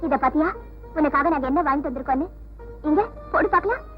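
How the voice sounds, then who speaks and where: Gentle caring wife, played by a woman, high voice, tinny film audio, loud music. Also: fast talker, close to an everyday voice. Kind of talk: 1970s Tamil film acting.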